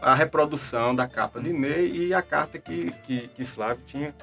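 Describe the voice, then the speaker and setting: A man's voice: on the high side, moderate pace, vocal fry, a bit bright, faint music behind. A middle-aged man telling a long story in casual chat, full of fillers and repeated words. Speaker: debate show guest.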